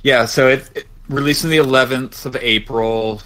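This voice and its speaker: A man's voice: medium pitch, steady tone, normal speed, fairly bright tone, rough recording. A man co-hosting a casual podcast chat over a remote voice call, his audio choppy and breaking up. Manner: reads out release details. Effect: choppy, breaking-up online call audio. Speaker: podcast co-host.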